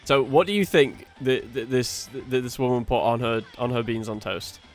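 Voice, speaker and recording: A man co-hosting a casual game playthrough, telling stories in an animated way, swearing, laughing and often tripping over his words. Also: medium pitch, normal speed, soft background music. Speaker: co-host of a gaming playthrough. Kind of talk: casual chat over gameplay.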